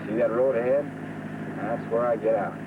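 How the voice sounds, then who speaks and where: An actor playing a hard-bitten ex-convict drifter who talks in a rough, drawling way, from an old film. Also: male voice, mid-range voice, steady tone, moderate pace, far from the mic, natural voice. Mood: guarded. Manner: drawling, rough folksy speech. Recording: muffled old film soundtrack with noise.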